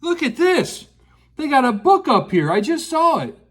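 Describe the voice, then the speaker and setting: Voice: high voice, very animated, moderate pace. A storyteller in a rambling grandpa style, reading to children with folksy asides and questions. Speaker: children's story show host.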